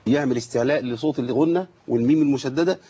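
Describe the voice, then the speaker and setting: A man with an Egyptian accent teaching Quran recitation on a broadcast lesson, explaining and slowly demonstrating verses with rhetorical questions. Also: medium pitch, warm tone, husky, lo-fi sound.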